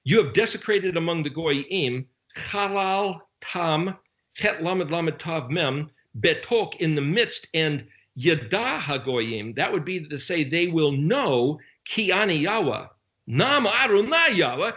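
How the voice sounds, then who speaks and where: Brief: male Bible teacher, a touch high-pitched, casual study-talk delivery, sarcastic asides, spells out Hebrew letters slowly. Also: highs cut off. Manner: animated, with sarcastic asides and sudden jumps in pitch.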